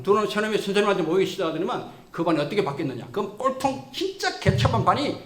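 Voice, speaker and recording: A man giving a lecture, telling stories in a lively way and acting out the people he quotes. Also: high voice, echoey room. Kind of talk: storytelling lecture. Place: lecture room.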